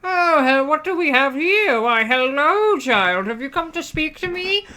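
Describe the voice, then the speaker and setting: A woman voicing a greedy, condescending old male architect in a game, with a pompous, drawn-out manner. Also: high voice, animated, pushed and bright, voice pushed up, heavily acted. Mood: smug, greedy.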